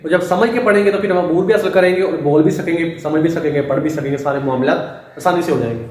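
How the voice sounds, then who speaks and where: A man's voice: a little high, darkish tone. A male teacher giving a classroom lecture, explaining step by step and often checking that students follow. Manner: explains slowly with repeated "ٹھیک ہے؟" checks. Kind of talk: classroom lecture on Urdu and Arabic. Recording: very echoey room, mic at a distance.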